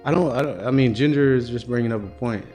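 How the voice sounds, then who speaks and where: A man's voice: mid-range voice, quick pace, mellow. A man co-hosts a casual talk podcast, cracking jokes with laughing asides. Faint music sits behind his voice. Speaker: podcast co-host. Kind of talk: casual chat.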